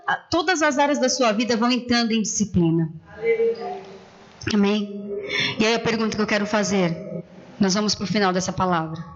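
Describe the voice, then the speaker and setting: A woman pastor preaching a sermon in church, telling personal stories in a conversational, animated way. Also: medium pitch, muffled recording.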